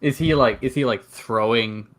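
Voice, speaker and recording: Man, podcast co-host: mid-pitched, loose and chatty, asks questions, quick to laugh. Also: a bit bright. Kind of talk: casual drunk podcast banter.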